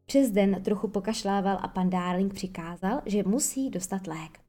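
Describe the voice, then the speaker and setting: A woman narrating a children's story in an expressive, lively storytelling manner. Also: mid-range voice, faint music behind. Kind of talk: audiobook reading of a children's story.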